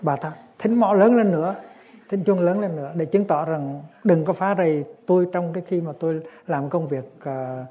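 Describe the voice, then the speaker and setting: A man, a Buddhist monk, giving a dharma talk in a gentle storytelling manner that turns lively in the anecdotes. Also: fairly high pitch, normal speed, highs cut off. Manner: gentle storytelling, lively when acting scenes.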